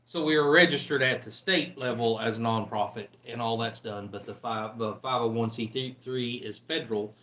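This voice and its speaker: A man co-hosting a casual live stream, relaxed and joking, often trailing off mid-thought. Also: medium pitch, moderate pace, few pauses. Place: room in a home. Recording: roomy echo with faint background noise.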